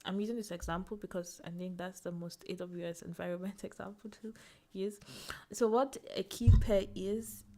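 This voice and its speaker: A woman's voice: on the low side, a little mellow. A young woman explaining networking as a tutorial host, thinking aloud with fillers, restarts and small laughs at herself. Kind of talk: casual screen-share walkthrough.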